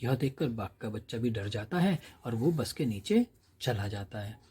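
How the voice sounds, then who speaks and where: Husky-voiced man teaching a revision lesson. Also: mid-range voice, animated, moderate pace, mellow. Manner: explains simply, often asks the class questions and checks with "है ना".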